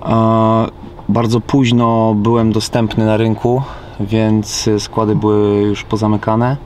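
A man's voice: lowish voice, level tone, slow pace. A man in his thirties from Poland, a basketball player answering interview questions in a casual, hesitant way with many fillers and restarts, from the back seat of a car. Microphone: camera mic inside the car. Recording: loud road noise.

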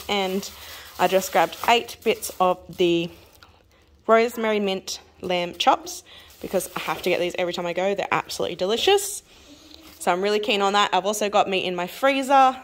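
A woman's voice: medium pitch, a little hiss or hum. Chatty Australian woman showing groceries. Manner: chatty, rambling, quick with little laughs. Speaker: family vlogger. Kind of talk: casual grocery haul vlog.

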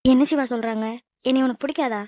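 A woman's voice: sits high, fairly even intonation, fast, mellow, no echo, muffled recording, natural voice. A woman voicing a sweet, sulky young woman in a cartoon, speaking in a pouty way. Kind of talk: animated cartoon dub.

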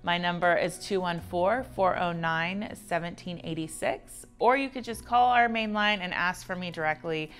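An American woman in her thirties, an auction house art director, gives a polished, conversational promotional talk to camera in an indoor, office-like studio set with background music. Her lowish voice is a bit bright, moving at a moderate pace with few pauses.

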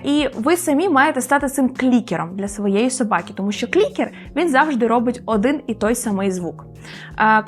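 A woman dog trainer explaining in a casual lesson, pausing often on filler sounds and repeating sample words aloud. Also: high-pitched. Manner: frequent hesitation fillers, demonstrates words aloud.

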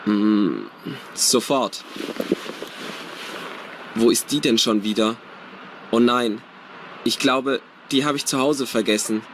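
A man's voice: medium pitch, slow, long pauses, a bit bright. A man acting a flustered, forgetful train passenger in a scripted language-exam dialogue. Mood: flustered, searching. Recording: clearly noisy train-like ambience.

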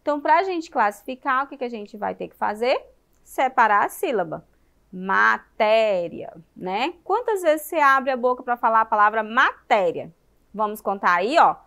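High-voiced Brazilian woman teaching children. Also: big pitch swings, a bit bright. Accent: Brazilian Portuguese. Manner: slow, syllable-by-syllable stressing of words, asks the children questions. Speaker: primary school teacher. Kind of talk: televised classroom lesson.

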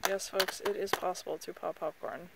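A woman's voice: lowish voice, fairly even intonation, moderate pace, vocal fry. A young woman filming a friend outdoors, chatting in a playful, teasing way. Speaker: companion behind the camera. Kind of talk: casual chat. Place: outdoors beside a highway on lava rock. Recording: noisy outdoor phone recording.

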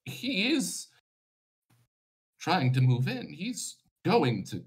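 An alarmed stone giant from a tabletop game acted out by a man. The warnings are insistent and urgent, drawn out slowly with a swooping pitch. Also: huge pitch swings, slightly rough, full character voice. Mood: urgent, fearful.

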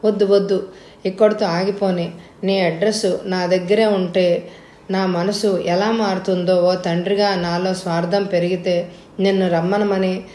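A woman's voice: lowish voice, level tone, measured pace, warm tone, reverberant, close to an everyday voice. A woman voicing a worried, sad older father in a spoken storybook, resigned and pleading.

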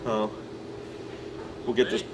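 In a rough recording with a bit of hiss or hum, a man takes things slowly as he talks through an outdoor taxidermy job for the camera. He stands on concrete near a building and speaks casually and plainly, musing aloud with many fillers.

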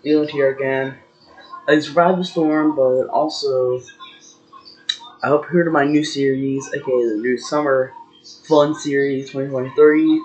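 A man's voice: medium pitch, fairly even intonation, moderate pace, a little mellow. Young male vlogger, rambling and hesitant, dull lo-fi mic. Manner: rambling, hesitant with many fillers. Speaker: gaming channel host. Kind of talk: casual vlog chat.

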